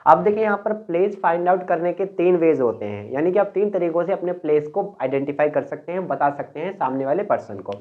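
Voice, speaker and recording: A man from Uttar Pradesh, India, giving a spoken English lesson. He explains step by step and slows down to model each phrase. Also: on the high side. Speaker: English teacher. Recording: tinny phone-like sound.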